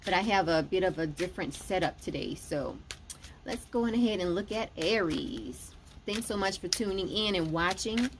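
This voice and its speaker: A woman's voice: mid-range voice, noisy background. A woman giving a casual weekly astrology and tarot forecast, explaining each point and often saying "okay" between them.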